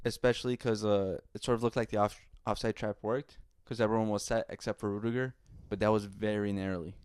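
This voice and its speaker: A man co-hosting a podcast, calmly breaking down football plays in casual chat with many "you know" fillers. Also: lowish voice, fast talker, clear, resonant tone, no room sound, studio quality. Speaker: podcast co-host.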